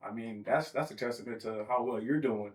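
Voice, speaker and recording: A man's voice: medium pitch, fairly quick. A man hosting a podcast in a casual, playful, joking chat. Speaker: podcast host. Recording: distant from the mic.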